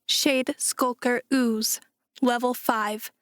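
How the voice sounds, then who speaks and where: A woman voicing a dungeon's impersonal system voice, reciting slowly and evenly. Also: on the high side, no room sound. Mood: ominous. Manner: slow, even, mechanical recitation. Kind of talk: audiobook character voice.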